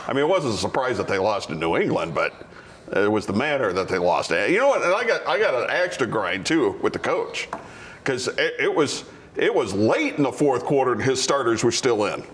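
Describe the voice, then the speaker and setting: Lively, teasing sports talk man. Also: mid-range voice, brisk, slight background noise. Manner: animated, teasing, asks the panel questions. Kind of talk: casual sports chat.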